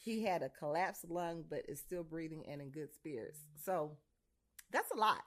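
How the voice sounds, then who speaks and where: A woman's voice: low-pitched, animated, moderate pace. A woman co-hosting a casual podcast, relaying a news story matter-of-factly. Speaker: co-host.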